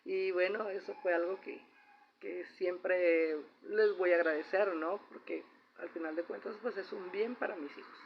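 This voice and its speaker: A woman's voice: lowish voice, steady tone, normal speed, vocal fry. A middle-aged woman with a Mexican accent, telling a family story in a casual personal vlog and often tagging her sentences with a questioning "¿no?". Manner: chatty, ends phrases with a questioning "¿no?". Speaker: vlogger sharing personal reflections. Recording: slightly dull recording with faint noise.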